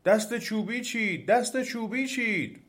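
A man voicing a chorus of enchanted garden trees that shout in alarm. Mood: shrill alarm. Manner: shrill alarmed shouting in unison.

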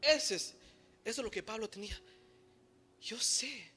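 A man preaching a sermon, swinging from soft, low musing to loud shouting and slipping in short English phrases. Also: lively intonation, measured pace, soft background music.

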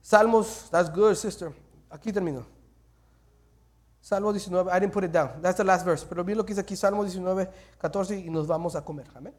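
Preaching a sermon, this pastor moves between loud exhortation and near-whispered asides while dropping English phrases into his speech. His voice sits high, at a moderate pace.

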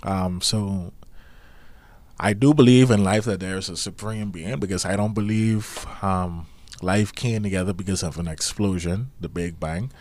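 A man co-hosting a casual podcast, talking informally and slangily in a halting, thinking-aloud way. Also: low-pitched, darkish tone. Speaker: podcast co-host. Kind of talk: casual chat.

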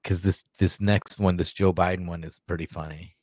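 A man hosting a casual podcast, talking in a crude, mocking and animated way. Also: deep voice, moderate pace, dry recording. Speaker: podcast host. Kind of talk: casual profane chat.

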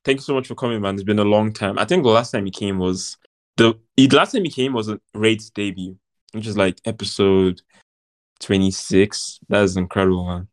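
A man's voice: fairly low pitch, fairly quick, dry recording, clean studio sound. A man hosting a casual football podcast, joking around and laughing often with his guests. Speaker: podcast host.

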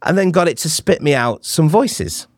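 A man's voice: fairly high pitch, lively intonation, normal speed, no echo, studio quality. A man with a Manchester accent co-hosting a podcast, explaining things in a chatty, self-deprecating way. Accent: Mancunian. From England. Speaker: podcast co-host. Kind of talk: casual chat.

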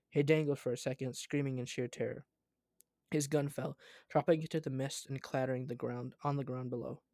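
A man's voice: medium pitch, warm tone, no room sound. A man reading a story aloud, often stumbling and correcting himself as he goes.

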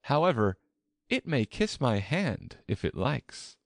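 A man's voice: medium pitch, sing-song, takes it slowly, no echo, clean studio sound, pitched above the performer's own voice. A man voicing a curious, fretful young girl in a storybook reading, with a prim, complaining tone. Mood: polite.

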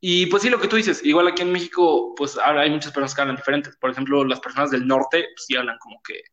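A man's voice: a little high, fairly even intonation, quick pace, a bit bright, dull audio. A young man with a Mexico City accent hosting a casual podcast, slangy and laughing often. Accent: Mexico City Spanish. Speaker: podcast host.

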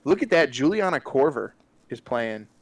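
A man's voice: medium pitch, sing-song, normal speed, no echo. A man co-hosting a podcast, rambling and hesitating casually, laughing often during a fantasy draft. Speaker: podcast co-host.

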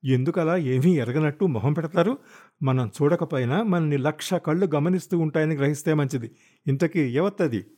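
A man voicing an angry, jealous young wife who wails and hurls shrill accusations in an audiobook. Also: normal speed, a little mellow, natural voice. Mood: accusing, wailing. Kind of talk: audiobook character voice.

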